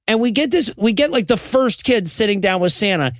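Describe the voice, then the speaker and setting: A man's voice: high-pitched, lively intonation, brisk, fairly bright tone, dry recording. A man co-hosting a podcast, giving a profane, wry scene-by-scene movie recap. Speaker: podcast co-host. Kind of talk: casual comedic movie recap.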